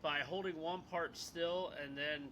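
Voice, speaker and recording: A man's voice: fairly high pitch, fairly even intonation, a little slow, sharp tone, rough recording. A man co-hosting a podcast, explaining things in a rambling casual way, laughing often and losing his place. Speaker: podcast co-host. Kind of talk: casual chat.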